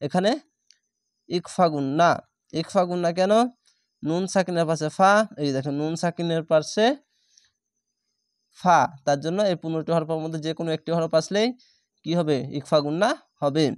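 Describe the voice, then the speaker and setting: A man leads a patient recitation lesson, breaking each word into letters and vowel marks before chanting it slowly. His voice sits a little high and rings smooth and clear. The sound is dry and close. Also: dry recording. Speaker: Quran recitation teacher.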